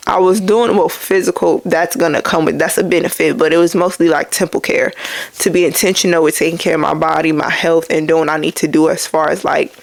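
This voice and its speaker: A woman's voice: fairly low pitch, creaky, no room sound. A young woman hosting her own podcast, chatting casually about faith and addressing listeners as y'all. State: out of breath. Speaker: podcast host.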